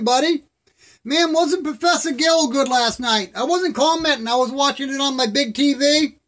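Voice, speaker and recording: A man's voice: very high voice, a bit bright. A man with toothless, slightly slurred speech, lips over gums, hosting a casual live stream in a rambling, friendly way. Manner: rambling, friendly, addresses viewers as buddy.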